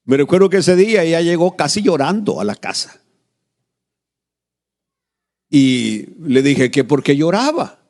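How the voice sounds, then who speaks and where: A middle-aged pastor with a fairly high voice preaches unhurriedly, leaving long pauses as he tells a family story. He animates it by acting out the voices and putting questions to the congregation.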